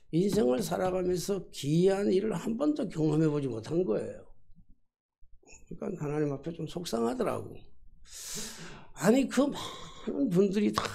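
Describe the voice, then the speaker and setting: Gravelly-voiced older male pastor preaching. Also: high voice, warm tone. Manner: storytelling, acting out dialogue with God. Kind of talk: sermon. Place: church sanctuary.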